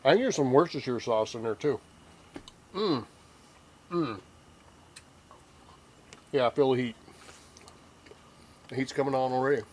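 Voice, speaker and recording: An older man, taste-testing a hot barbecue sauce on his cooking vlog, teary and sniffling from the heat, with slow, drawn-out hums and sighs. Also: medium pitch, a little mellow. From Texas. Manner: slow, drawn-out reactions to spicy food with many hums and sighs. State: teary, nose running from the heat. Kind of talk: casual taste-test reaction.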